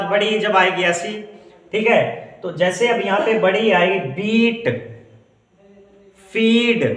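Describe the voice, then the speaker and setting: A man with a high-pitched voice teaches a pronunciation lesson. He explains patiently and repeats each example word with long, drawn-out vowels. The room around him rings with echo. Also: a bit bright. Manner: explains slowly, drawing out and repeating example words. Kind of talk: Hindi-language English phonetics lesson.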